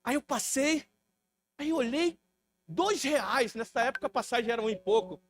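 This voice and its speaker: Um pastor brasileiro pregando um testemunho em estilo de sermão numa igreja, contando a história com vivacidade e imitando as vozes de outras pessoas. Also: male voice, extremely high pitch, normal speed, dry recording. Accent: Brazilian Portuguese. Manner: lively storytelling, acts out quoted voices. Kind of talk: sermon testimony. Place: church hall.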